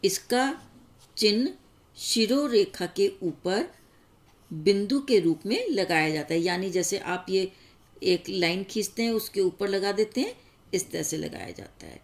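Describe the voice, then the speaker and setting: A woman teacher giving a grammar lesson, explaining step by step and pausing on each example. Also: mid-range voice, very animated.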